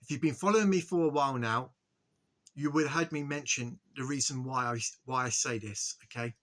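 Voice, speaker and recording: A man giving an earnest, halting spiritual monologue to his viewers, often stopping to ask "okay?" and restarting his sentences. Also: medium pitch, a bit bright. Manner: earnest, repetitive, frequent "okay?" check-ins. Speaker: spiritual video host.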